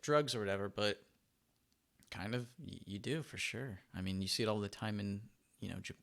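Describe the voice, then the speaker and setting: A young man co-hosting a podcast, talking in an animated, emphatic way and repeating himself as he gets going. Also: lowish voice, creaky. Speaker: podcast co-host. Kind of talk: casual chat.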